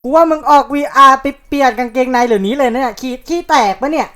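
A woman dubbing an excitable teenage boy who rants and swears in disgust, in a comic fan dub. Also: high voice, quick pace. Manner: loud, disgusted, swearing ranting. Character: crude, excitable teenage boy on a camping trip. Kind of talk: Thai fan dub of a comedy video.

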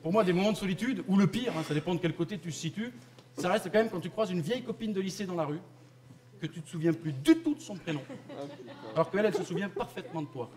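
A young adult man from France performs stand-up comedy on a theatre stage, speaking fast in a high, expressive voice with a mocking, conversational tone. The live theatre recording is full of loud audience laughter.

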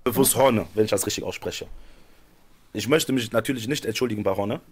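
A man's voice: lowish voice, brisk, heavy background noise. Teasing man in casual panel chat.

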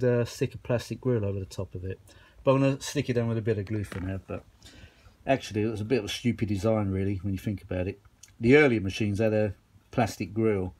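This man's voice is on the low side, slightly mellow and husky. He's a vintage audio fan presenting his gear in a casual, rambling handheld demo, full of informal enthusiasm, from a carpeted room in his home.

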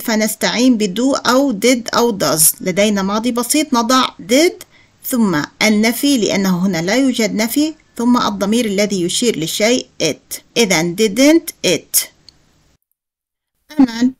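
A woman teaching English, who reads example sentences slowly, then translates and explains them. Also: on the high side, expressive. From Jordan. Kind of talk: explaining a workbook lesson in Arabic.

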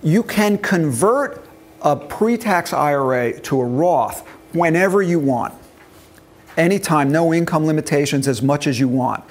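A financial planning instructor in his early sixties, whose voice sits on the high side, gives an informal classroom talk about retirement money. Wearing a lapel mic in a meeting room with a seated group, he explains things step by step and checks that his listeners are following.

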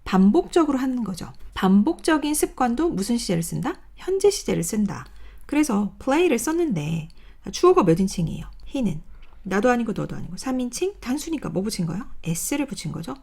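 A woman teaches a recorded grammar lesson, her pitch rising and falling as she poses a question and then answers it herself. She runs through word lists in a steady, teacherly rhythm. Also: normal speed, creaky, slightly rough.

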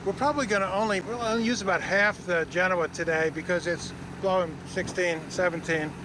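An older man giving casual sailing instruction on a boat under way, explaining patiently with some hesitant fillers. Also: high voice. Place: outdoors on a sailboat under way in wind. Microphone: action camera mounted on the boat. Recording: windy outdoor boat recording. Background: wind noise and water.

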